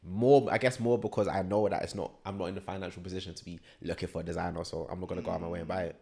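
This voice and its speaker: A man's voice: low-pitched, fairly even intonation, racing, vocal fry, a little mellow. A young man with an urban London roadman accent, co-hosting a podcast in casual, slang-filled banter. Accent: London, urban slang-heavy roadman. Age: young adult. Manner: slangy, repeats short agreements. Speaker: podcast co-host.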